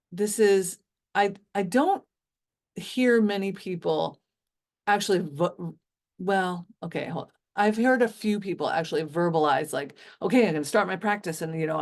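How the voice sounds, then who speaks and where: A woman giving an enthusiastic, chatty business talk over a video call, with lots of fillers and restarts. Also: on the low side. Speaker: business coach for bodywork practitioners.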